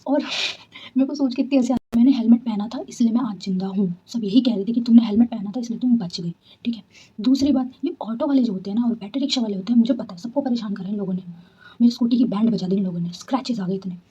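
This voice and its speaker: A young woman vlogger from Delhi, telling a personal story to camera in a chatty, animated way at home at night. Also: a little high, quick pace, slightly rough. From Delhi, India. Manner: chatty, animated, often says "theek hai". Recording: dull lo-fi home recording.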